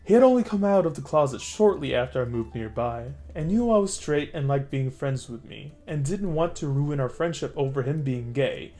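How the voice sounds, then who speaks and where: A man reading an online story aloud in a relaxed, conversational way. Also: a little high, normal speed, few pauses. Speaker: story narrator.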